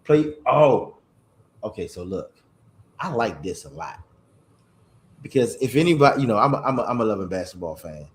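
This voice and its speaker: A man hosting a casual chat, animated and playful, reading greeting-card lines aloud, with a slight cough. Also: lowish voice, moderate pace, long pauses, echoey room. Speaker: podcast host.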